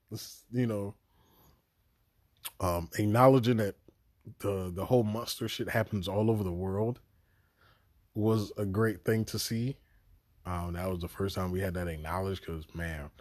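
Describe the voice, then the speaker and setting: A man talking through a show review on his podcast in a loose, rambling, profane way, with sudden excited bursts. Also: lowish voice, no echo, studio quality. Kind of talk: casual spoken review.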